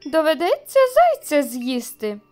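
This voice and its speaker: A woman's voice: high voice, huge pitch swings, a little slow, a little mellow, soft background music, pitched above the performer's own voice, exaggerated voice. A woman voicing a good-natured, hungry male bear in a children's story. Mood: kindly. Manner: sighing, kindly.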